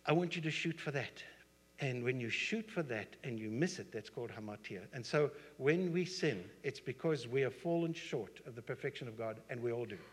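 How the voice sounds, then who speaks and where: A male pastor preaching a sermon, telling stories emphatically and swinging from soft to loud. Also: medium pitch, lively intonation, moderate pace, hardly any pauses. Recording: husky voice in long hall reverb.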